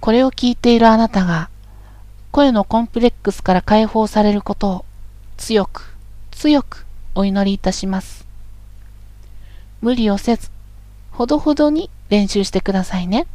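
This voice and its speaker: A woman giving a calm, polite, instructive voice training lesson as scripted narration. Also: on the high side, brisk, no echo.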